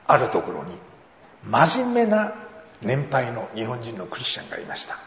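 A man preaching a sermon as an animated storyteller who acts out the dialogue of his anecdotes, in a church hall. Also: mid-range voice, moderate pace. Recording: roomy hall reverb, faint ambience.

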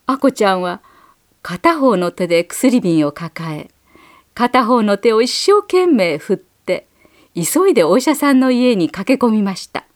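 A woman narrating a children's story aloud in a gentle, measured read-aloud manner. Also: on the high side, sing-song, no echo, studio quality.

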